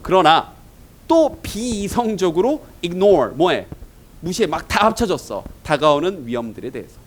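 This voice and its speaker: A male teacher works through English test answers in a lecture, firing rhetorical questions at his students. His voice sits on the higher side and swings widely up and down. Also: big pitch swings, unhurried, rough recording. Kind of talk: exam-prep lecture.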